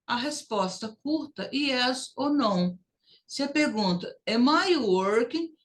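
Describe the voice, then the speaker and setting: Woman teaching english, slow and careful, says each phrase clearly for students to repeat. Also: on the high side, expressive. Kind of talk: recorded classroom lesson.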